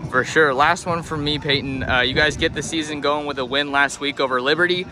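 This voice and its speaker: A man's voice: fairly high pitch, steady tone, brisk. A man working as a sports reporter, asking interview questions outdoors at a football field.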